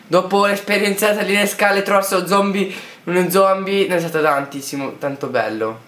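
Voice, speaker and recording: A man's voice: sits high, a little fast, a bit bright. An Italian man playing a game, nervous and apologetic as he talks through it. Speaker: player. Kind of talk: casual gameplay commentary. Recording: echoey room with faint noise.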